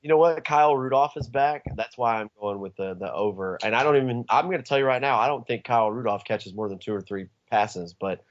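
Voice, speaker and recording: A man co-hosting a sports podcast, excitable and emphatic about his picks. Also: medium pitch, a little fast, few pauses. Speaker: podcast co-host. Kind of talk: casual sports chat. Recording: dull lo-fi podcast audio.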